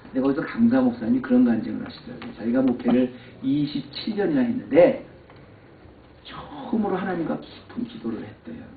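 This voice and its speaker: A man preaching a sermon as pastor, telling a personal testimony and rising to loud emphatic peaks. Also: mid-range voice, a little fast, gravelly, slight background noise. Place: church sanctuary. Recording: echoey, distant, phone-like lo-fi.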